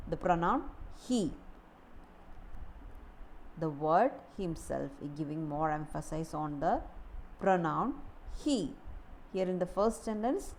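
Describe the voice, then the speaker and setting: Woman teacher, slow deliberate grammar explanation, lowish voice, faint background hiss. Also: a little mellow, low-quality recording. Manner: deliberate, repeats key words, occasional restarts.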